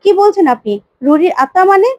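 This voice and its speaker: A woman's voice: very high voice, expressive, fast talker, dull audio, pitched above the performer's own voice. A woman voicing a grieving young widow, hot-tempered and defiant, speaking in an agitated, accusing way. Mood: startled.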